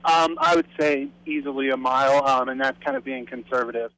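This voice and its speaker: A man's voice: mid-range voice, little pitch movement, a little fast, bright, forceful tone, rough recording. A man giving a live field report by phone from a vehicle, hesitant and matter-of-fact. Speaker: storm chaser reporting live. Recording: radio-like phone link from a vehicle.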